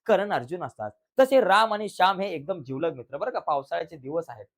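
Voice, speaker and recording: A man with a Marathi accent leads an exam revision lesson, his voice sitting slightly high. He narrates a story with dramatic flair, imitating thunder and shouting cries for help. Between scenes he drops into calm, direct advice on how to write it. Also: a little fast. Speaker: teacher.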